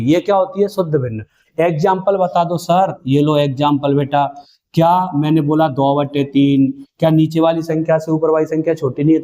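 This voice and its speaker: Male maths tutor, mellow and a bit high, drills students with call-and-response. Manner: call-and-response drilling, asks then answers himself; calls students "beta" and "bhai". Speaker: maths teacher. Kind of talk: exam-prep maths lesson.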